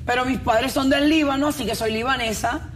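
Older woman co-host, slightly high voice. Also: a little fast, slight background noise. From Cuba, raised in Puerto Rico. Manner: affirming interjections. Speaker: co-host reading listener questions. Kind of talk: faith talk show.

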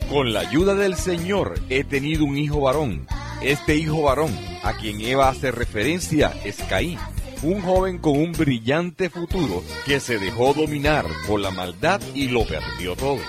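A man narrates Bible stories as a teacher, reading from a script. His medium-pitched voice moves expressively, with music clearly playing underneath.

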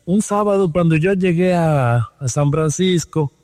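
A man's voice: a little high, a little slow, darkish tone, no room sound, studio quality, in a large hall. A man with a Dominican accent, a guest telling his life story earnestly over a phone line. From Dominican Republic.

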